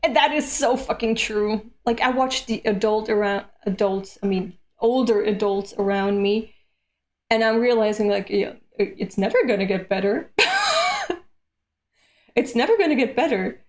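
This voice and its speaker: A woman's voice: mid-range voice, normal speed. A woman in her late twenties chatting casually on a live stream between comic readings, candid and self-deprecating, with casual swearing. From Europe. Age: late 20s.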